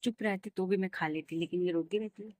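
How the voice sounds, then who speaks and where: Mother vlogging at home, hushed and hurried delivery, dry close sound. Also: lowish voice, no room sound, rough recording. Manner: quick, tired chatter, soft to keep baby asleep. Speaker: mother vlogging her day. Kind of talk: casual home vlog. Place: small bedroom at home.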